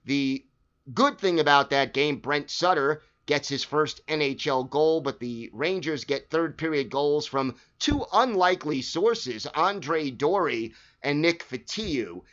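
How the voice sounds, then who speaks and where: A man's voice: fairly high pitch, expressive, measured pace, fairly bright tone. A man hosting a sports history show, recapping old games in a casual, conversational way, listing scores and stats with frequent fillers. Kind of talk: casual narrated game recap. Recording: dull lo-fi recording.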